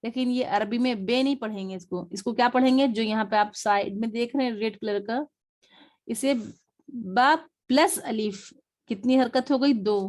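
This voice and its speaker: A woman gives an online lesson on reading letters. She speaks in a fairly high voice and repeats each sound slowly and patiently, as if her students are following along. She talks over a shared screen rather than to the camera. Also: a little mellow. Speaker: Quran reading teacher.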